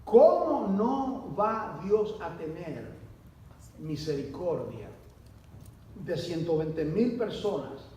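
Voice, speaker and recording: A man, a pastor, preaching a sermon in a church, asking his listeners questions and swinging sharply between soft and loud delivery. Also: dull audio. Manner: preaching with rhetorical questions and dramatic swings in pitch and volume. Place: church hall. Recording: echoey church hall, voice from far off, faint hum.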